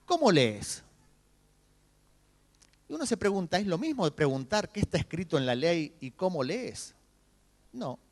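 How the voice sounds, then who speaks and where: A man's voice: high-pitched, in a large hall. A man, a pastor with a Rioplatense Spanish accent, preaching a sermon and acting out the voices of the people he quotes. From Argentina. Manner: animated preaching, voicing quoted speakers. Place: church.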